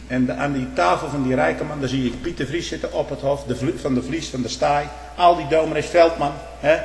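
A man preaching a fiery, denouncing sermon, swinging from quiet warnings to loud outbursts and repeating words for emphasis. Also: on the high side, normal speed, creaky, a little hiss or hum. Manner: tag questions like "hè?". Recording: echoey hall with long reverb.

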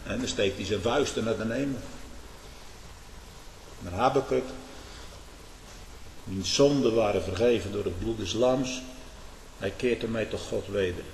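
A man preaching a fiery sermon, dropping to low mutters and then rising to shouts, often asking his listeners "hm?". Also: measured pace, long pauses, a little hiss or hum. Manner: asks "hè?" and "hm?" to the listeners. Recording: echoey hall with long reverb.

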